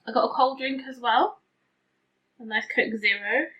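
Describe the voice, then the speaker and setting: A woman's voice: fairly high pitch, moderate pace. A woman vlogger chatting casually to camera in a rambling, self-deprecating way, with a slightly tinny sound. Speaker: beauty vlogger. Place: hot room at home, window open.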